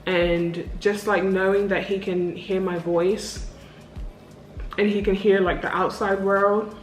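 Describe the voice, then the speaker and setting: A woman's voice: mid-range voice, flat delivery, takes it slowly. A young woman talks frankly and casually, cursing now and then as she answers questions. Her voice sits mid-range and rings a little in an echoey room, with faint music underneath. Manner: candid and chatty, swears freely. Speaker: vlogger. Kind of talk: casual sit-down Q&A.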